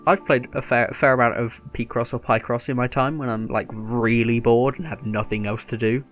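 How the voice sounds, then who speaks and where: A man's voice: mid-range voice, fairly even intonation, fairly quick, fairly bright tone, soft background music. A man hosting a casual gaming podcast, running through news in a rambling, self-correcting, upbeat way. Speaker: podcast host.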